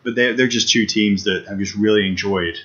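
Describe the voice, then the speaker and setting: A man's voice: fairly low pitch, fairly even intonation, fairly quick, sharp tone. A man co-hosting a casual football podcast, talking eagerly with many restarts and repeated points. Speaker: podcast co-host. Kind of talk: casual sports chat. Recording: dull lo-fi podcast audio.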